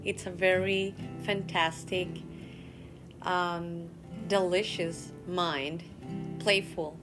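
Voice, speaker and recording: Colombian-born actress talking slow and low, admiring tone, guitar under. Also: female voice, fairly even intonation. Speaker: actor. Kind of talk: documentary interview. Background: guitar music.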